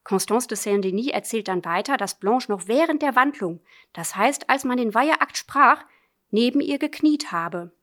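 A woman reading a literary audiobook in the form of a letter, measured and earnest, addressing a friend. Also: on the high side, expressive. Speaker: audiobook reader.

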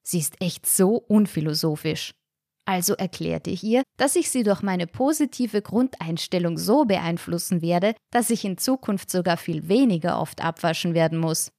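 A woman reading a first-person storybook aloud in a lively, wry way. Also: fairly low pitch, moderate pace, no room sound, studio quality. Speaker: audiobook reader.

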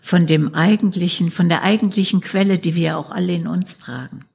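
A middle-aged woman speaks in a low, gravelly voice with a husky, breathy edge. She tells her story earnestly and reflectively as an interview guest, often tagging her sentences with a soft "ne?". Her delivery is unhurried and sincere. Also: steady tone. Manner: earnest, slow and reflective, tags lines with "ne?". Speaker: shaman and psychotherapist guest.

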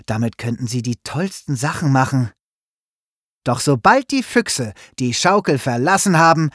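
A man narrating a children's story in an expressive, storytelling manner. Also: fairly high pitch, dry recording, studio quality.

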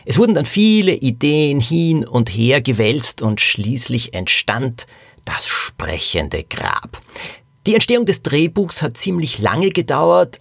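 Husky male author-narrator, calm story read, dry close sound. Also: mid-range voice, no echo.

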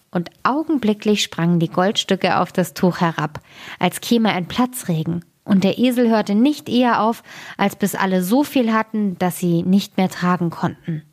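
A woman reading a fairy tale aloud as a storyteller, in a gentle, expressive way. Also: medium pitch.

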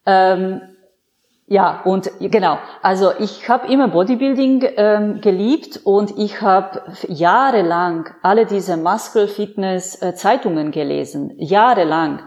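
A woman's voice: medium pitch, measured pace, darkish tone. A woman fitness trainer interviewed as a podcast guest, chatting in an earnest, storytelling way.

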